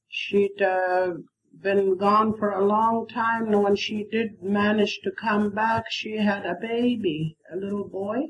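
Woman interpreter, halting, slow, faint tape hiss, old worn tape. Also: mid-range voice, fairly even intonation, highs cut off. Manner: hesitant, many fillers. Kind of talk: casual spoken translation.

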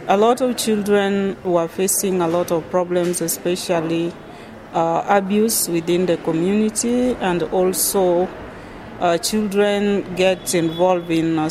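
A middle-aged Kenyan woman with a Kenyan accent, answering interview questions thoughtfully as a university lecturer, with many pauses and fillers. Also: on the low side, creaky, background noise.

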